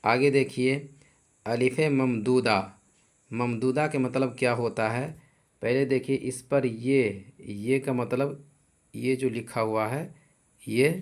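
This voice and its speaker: A man explains grammar in a steady voice of middle pitch. He talks patiently and says each rule and example again, slowly. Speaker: Urdu teacher. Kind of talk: grammar lesson.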